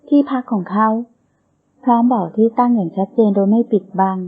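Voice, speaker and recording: A woman narrating a romance novel in a steady storytelling manner. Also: a little high, brisk. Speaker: audiobook narrator. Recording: tinny phone-like sound.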